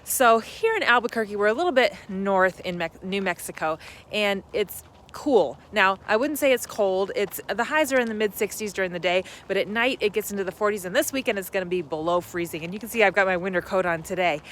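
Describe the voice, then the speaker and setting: Standing outdoors at an RV park, a middle-aged RV travel vlogger chats to camera in a mid-range, slightly bright voice, talking a little fast. She's upbeat, laughs easily, and sounds a little out of breath, with a little hiss or hum in the recording.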